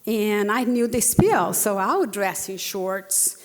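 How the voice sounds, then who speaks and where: A Brazilian woman in her sixties, speaking with a Brazilian Portuguese accent, earnestly tells a personal story as a panelist, full of fillers and restarts. Her mid-range voice moves slowly with lively intonation, and the recording carries long hall reverb.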